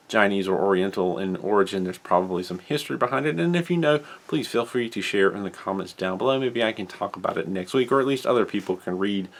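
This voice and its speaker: A man hosting a casual hobby news update, rambling and correcting himself as he reads out model details. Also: lowish voice. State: has the hiccups. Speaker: hobby channel host. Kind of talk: casual solo news commentary.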